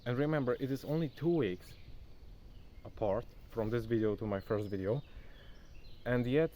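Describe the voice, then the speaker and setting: Out in the countryside by a forest, a young non-native English speaker makes a casual, self-recorded phone vlog, loose and chatty and calling the viewer "bro." His mellow voice is medium-pitched at a moderate pace. Slight background noise mixes with faint insects and outdoor sounds.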